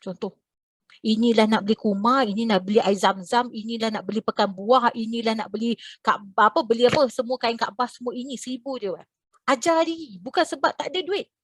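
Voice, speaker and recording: A woman from Malaysia, a religious teacher, telling a story to her class over a video call in a lively, expressive way. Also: a little fast, breathy edge, dry recording. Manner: animated, expressive, swings in pitch and loudness.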